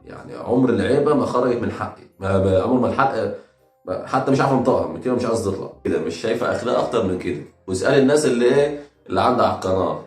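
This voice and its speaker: Egyptian male reaction comic, sarcastic rapid-fire delivery, roomy echo, music bed. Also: on the low side, lively intonation. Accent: Egyptian Arabic. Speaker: comedy reaction host.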